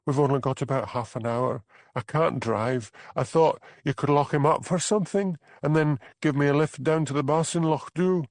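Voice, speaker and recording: An audiobook narrator, male, lends a plaintive, pleading, high-pitched voice to an anxious young crofter's wife trapped in an unhappy marriage and close to tears. He reads at a moderate pace, slightly mellow and lightly acted. There's no echo.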